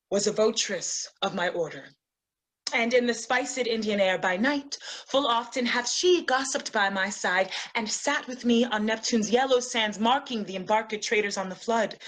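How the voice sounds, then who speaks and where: A proud fairy queen played by a woman on stage, high-voiced and very unhurried. She draws out her Shakespearean verse with hammy, declamatory grandeur, defiant and scornful. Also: fairly bright tone.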